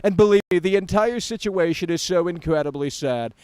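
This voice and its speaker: A man's voice: high-pitched, fairly quick, darkish tone, clear, resonant tone, no echo. A man ranting through a live video game review in a bombastic, mocking way, repeating himself and boasting about his own status. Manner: bombastic, repetitive, mocking, self-aggrandizing. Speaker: video game critic livestreamer.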